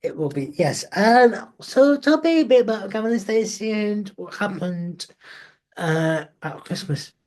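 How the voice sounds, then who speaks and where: A male host leading a relaxed interview chat. He is friendly and blunt and slips in jokes as he sets up questions. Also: high voice, unhurried.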